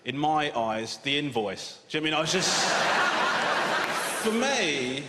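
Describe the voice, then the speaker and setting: A man in his thirties delivers a stand-up set with a slightly high voice, loud and animated as he acts out what people said. His voice carries a long hall reverb over loud crowd laughter from a big venue. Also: a little slow, heavy background noise. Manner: animated, shouts quoted lines, swears freely. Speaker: stand-up comedian. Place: large comedy venue with a live audience.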